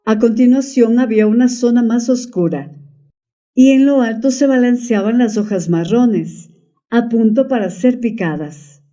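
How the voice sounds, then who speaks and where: Dark-voiced woman narrating an audiobook. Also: fairly high pitch, distant mic, faint music behind. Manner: measured, dramatic reading.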